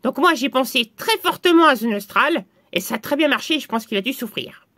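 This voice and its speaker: A man voicing a squeaky, foul-mouthed little guy who bickers and swears in a comedy sketch. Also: expressive, brisk, sharp tone, no echo, clean studio sound, exaggerated voice. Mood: bantering. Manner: crude swearing, bickering back and forth.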